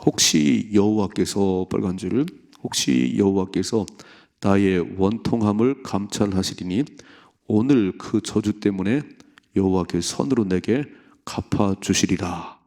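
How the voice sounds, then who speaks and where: A man, a pastor from South Korea, giving an early morning prayer sermon, reading scripture and acting out the story's voices in an animated way. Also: on the low side.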